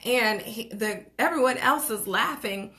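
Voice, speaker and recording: A young woman with a slightly high voice delivers a fired-up motivational talk, preaching about goals and action. She repeats calls to act, slips in short laughs and keeps asking "okay?" to check her listeners are with her. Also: a little slow, fairly bright tone. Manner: laughs between phrases, says "okay?" and "like" often. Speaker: motivational vlogger.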